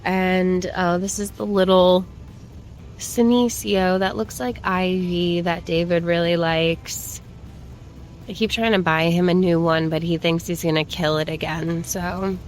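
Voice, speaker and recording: A woman's voice: on the low side, fairly even intonation, measured pace, a little hiss or hum. A woman chatting casually to viewers in a shopping haul vlog, informal and rambling as she browses and remarks on items. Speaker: plant shopping vlogger. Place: plant shop.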